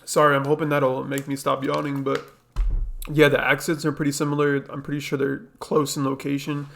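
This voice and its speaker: A man's voice: mid-range voice, completely flat delivery, a little fast, creaky, fairly bright tone, faint music behind. A young man hosting a reaction video, talking casually with lots of fillers and repeating himself. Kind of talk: casual commentary.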